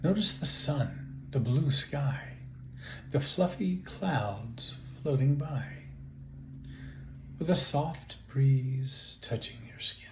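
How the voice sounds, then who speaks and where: This relaxation instructor, a man of medium pitch, leads a guided meditation through slow, measured, soothing phrases with long silences between them. Faint noise sits in the background, and the room adds an echo.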